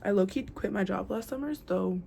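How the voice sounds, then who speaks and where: A chatty young American vlogger speaks slightly fast in a mellow, mid-range voice with vocal fry, using "like" and "girl" constantly and slipping into a whisper at times. She is recorded on a built-in device mic rather than a real microphone, with faint outside noise in the background.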